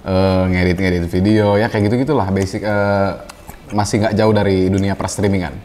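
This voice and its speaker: Laid-back low-voiced young man. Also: steady tone, moderate pace, a little mellow. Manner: laid-back, hesitant, many fillers. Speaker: streamer guest. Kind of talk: casual chat.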